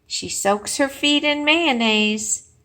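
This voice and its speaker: A woman teacher with a high-sitting voice reads a storybook aloud to young children with lots of expression. She asks them questions and pauses for their answers in an animated read-aloud and lesson.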